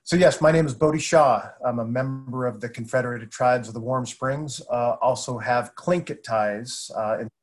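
A man's voice: medium pitch, moderate pace, few pauses, soft background music. A man from a government agency giving a formal, courteous public address, speaking over a video call.

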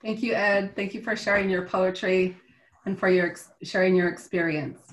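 A woman's voice: medium pitch, fairly even intonation, normal speed. A woman hosting an event, giving formal, polite introductions of speakers. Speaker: event host. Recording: roomy echo.

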